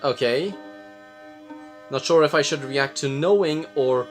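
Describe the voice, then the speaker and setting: A drunk man from Sweden, giving rambling, halting and blurting casual commentary as he reacts to a film. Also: a little high. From Jämtland, Sweden. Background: film soundtrack, faint music.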